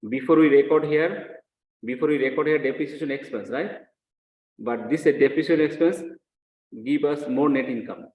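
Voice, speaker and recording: With a slightly high voice at a moderate pace, this accounting lecturer steps through a worked example, repeating key phrases and asking short questions to make sure students follow. The sound is dull and muffled from an echoey room.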